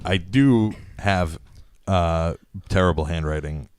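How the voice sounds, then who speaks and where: A man's voice: low voice, slow pace, a little mellow, clean tone, dry recording, clean studio sound. A man hosting a casual podcast, rambling and laughing at himself. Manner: rambling, self-deprecating, laughs a lot. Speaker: podcast host.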